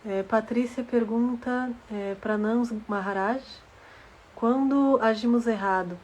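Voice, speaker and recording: A woman, a moderator reading a viewer's question aloud in a measured way. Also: a little high, fairly even intonation, darkish tone, a little hiss or hum, low-quality recording.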